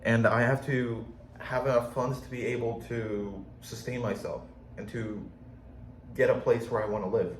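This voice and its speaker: Speaking frankly and swearing casually, a young Polish vlogger with a slight accent rambles through his video journal. His mid-range voice holds a steady tone at normal speed, and the echoey room adds faint ambience plus a little hiss or hum.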